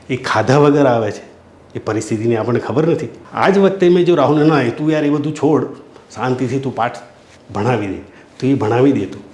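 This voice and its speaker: In an interview, a middle-aged school principal tells heartfelt stories from his school, earnest and emotional, repeatedly addressing the listener as "sir." His medium-pitched voice is a little mellow, with roomy echo.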